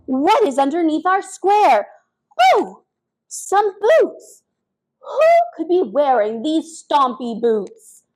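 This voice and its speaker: Young woman, children's librarian at storytime; high, bouncy sing-song delivery. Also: expressive, takes it slowly, darkish tone, poor audio. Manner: sing-song, exaggerated and encouraging toward small children.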